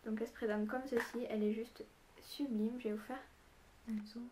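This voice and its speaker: Mellow-voiced young woman vlogger. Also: a little high, flat delivery, moderate pace, slight background noise. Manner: gushing, chatty product show-and-tell. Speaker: beauty vlogger. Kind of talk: casual beauty vlog.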